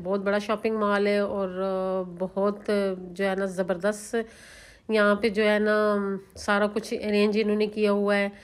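A woman's voice: mid-range voice, little pitch movement, a little slow, clean tone. A woman vlogger from Pakistan, narrating her outing in a chatty, homely voice-over. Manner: chatty, homely, leans on filler phrases.

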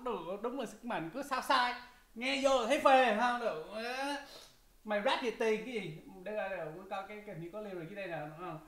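A man hosting a reaction video speaks quickly in a high, fairly bright voice, giving excited commentary. He exclaims often, laughs and repeats lines from a rap song. The room is echoey, with hip hop music playing in the background.

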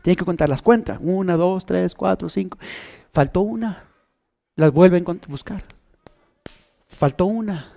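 A man, preaching a sermon as pastor and quizzing his congregation, shifting from hushed lines to loud, drawn-out calls. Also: high voice, gravelly. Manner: call-and-response questions to the congregation.

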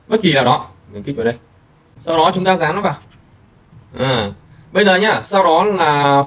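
A man hosting a screen-recorded software tutorial, talking casually to viewers with many fillers. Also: fairly high pitch, distant mic. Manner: chatty, filler-heavy, addresses viewers directly. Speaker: tutorial host.

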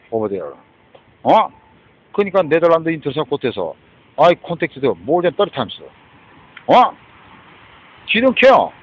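A man's voice: a little high, husky. A man ranting in a rambling, agitated monologue, often breaking off to prompt with a questioning "huh?" and mixing in English phrases, recorded outdoors. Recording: dull lo-fi recording.

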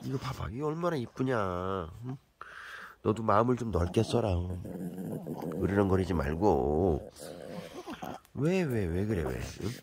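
A man talking to his pets at home in a casual, coaxing way, chatting and scolding them gently. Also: fairly low pitch, animated, measured pace, pauses often, crowd noise. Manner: coaxing, talks to his pets in a sing-song voice. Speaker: pet vlogger.

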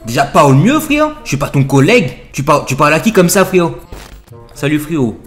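A man's voice: a little high, big pitch swings, brisk, over music. A young man voicing a cocky, touchy young Guadeloupean man with a thick Guadeloupean accent, speaking in an exaggerated, indignant way. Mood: offended. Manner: exaggerated, indignant, keeps repeating "frérot". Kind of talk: prank role-play on video chat.

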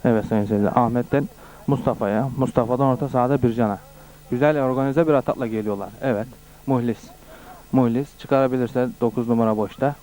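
A man giving live amateur football commentary, excitedly exclaiming goals and repeating his phrases over and over. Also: mid-range voice, fast, poor audio.

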